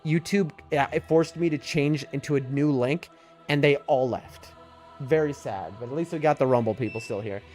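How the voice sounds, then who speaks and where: Music plays behind a male game streamer whose New York accent marks him as an East Coast American. He talks at a moderate clip in a medium-pitched, somewhat dark voice, offering loose, wandering commentary on his game and chatting with viewers.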